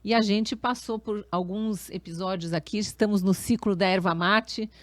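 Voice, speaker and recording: A woman's voice: medium pitch, steady tone, normal speed, no echo. Chatty woman journalist hosting. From Curitiba, Brazil. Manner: chatty, recapping with fillers. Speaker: journalist and co-host. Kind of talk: casual history chat show.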